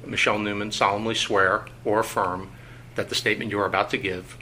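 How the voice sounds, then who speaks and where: Male investigator on an old interrogation tape: low, monotone, bright-edged delivery, procedural and deliberate. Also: a little hiss or hum, low-quality recording. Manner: reads procedure in a measured, bureaucratic tone with frequent "uh"s. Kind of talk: formal official interview. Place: conference room. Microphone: tabletop recorder.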